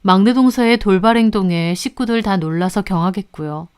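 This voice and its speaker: A woman tells a family drama in the first person, with a smooth, clear voice at a middle pitch. She recounts events calmly, in a confiding tone. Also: a little fast. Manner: calm confiding retelling. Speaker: narrator. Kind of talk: first-person story narration.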